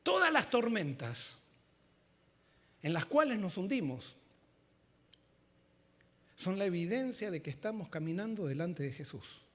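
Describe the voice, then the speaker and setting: Male pastor, high voice, fervent sermon, swings loud to hushed. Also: big pitch swings, a little slow, pauses often. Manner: fervent preaching that swings between loud emphatic lines and low quiet ones.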